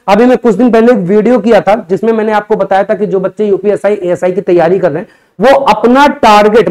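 In a teaching studio before a digital board, a young man explains material to exam students in a lively, talky style, frequently asking and then answering his own questions. He has a high-pitched, darkish voice, and the recording is rough.

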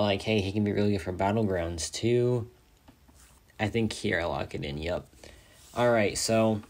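This is a young man who makes mobile game content, chatting casually about his gameplay with a slightly low voice worn hoarse and tired from hours of talking. Excited and rambling, he gushes over his rewards, leaning heavily on fillers and "like."

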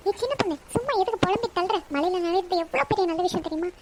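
A woman voicing a bossy, penny-pinching married housewife in a cartoon comedy, nagging and quick. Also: very high-pitched, expressive, heavy background noise.

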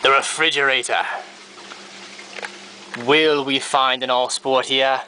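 A man's voice: mid-range voice, little pitch movement, slow pace, bright, forceful tone, slight background noise. A man hosting a blog, narrating in a theatrical, mock-serious wildlife-documentary manner in a home kitchen. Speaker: blog host.

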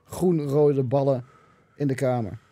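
A man's voice: medium pitch, steady tone, measured pace, mellow, dry recording. Swearing, anecdotal podcast guest, man. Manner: loose, swearing, anecdotal storytelling. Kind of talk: casual chat.

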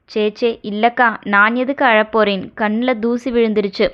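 A woman's voice: fairly high pitch, fairly even intonation, moderate pace, smooth, natural voice. A woman reading as a tearful young wife. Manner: pleading, guilt-ridden. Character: young wife, anxious, tearful, self-blaming. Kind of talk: audio novel character reading. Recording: dull lo-fi recording.

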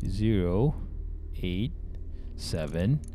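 A man's voice: low-pitched, lively intonation, drawn-out words, dark tone, a little hiss or hum. Jumpy Bruneian Malay man streaming horror games. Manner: jumpy, scared reactions, repeats himself. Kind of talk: casual live game commentary. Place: small indoor room with webcam.

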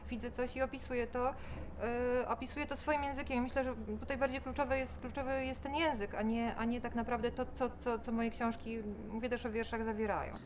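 A woman's voice: fairly high pitch, little pitch movement, a little fast, a little hiss or hum. A woman writer talking reflectively in an interview, searching for words and correcting herself.

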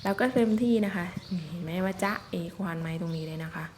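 A woman's voice: fairly low pitch, quick pace, a little hiss or hum. A woman chatting politely and casually as she narrates an outdoor vlog in the forest. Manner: chatty, polite, with frequent soft particles. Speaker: vlogger filming elephants.

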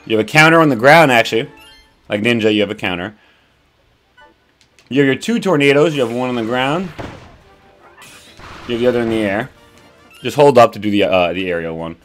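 A man's voice: mid-range voice, expressive, a little fast, pauses often, fairly bright tone, faint music behind. A young man casually walking through a game character's moves as a tutorial host, enthusiastic and rambling with laid-back slang. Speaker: gaming channel host.

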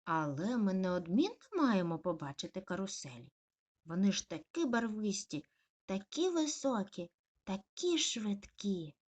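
A woman doing an excited little corgi puppy. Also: a little high, normal speed, voice pushed up. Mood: eager. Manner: eager, pleading, calling out.

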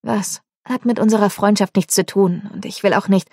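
A woman's voice: mid-range voice, steady tone, normal speed, darkish tone, breathy edge, dry recording, studio quality. A woman audiobook narrator voicing a tipsy young woman who hesitantly admits her feelings. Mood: shy confession.

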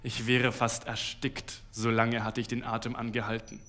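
A man giving a dramatic literary reading, intense and building to shouted outbursts. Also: medium pitch, monotone, moderate pace, soft background music. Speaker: reader.

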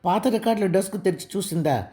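Give me a woman doing a flustered, hot-tempered young man, mellow in tone. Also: medium pitch, animated, fast talker, natural voice. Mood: agitated. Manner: shouting, flustered.

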